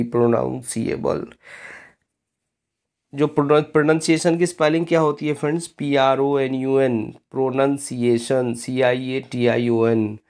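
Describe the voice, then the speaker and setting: A male English teacher leads an exam-prep spelling lesson at an unhurried pace. His voice has a gravelly fry to it. He spells words out letter by letter, deliberately, and keeps addressing his students as friends. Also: medium pitch, a little mellow.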